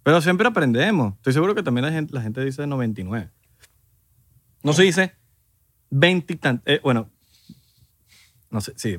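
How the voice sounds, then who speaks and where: A young man with a Cuban Spanish accent jokes and teases in loose, slangy banter. His voice sits at a middling pitch, recorded dry and close with no room sound. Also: a bit bright, no room sound. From Cuba. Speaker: podcast co-host. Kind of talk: casual chat.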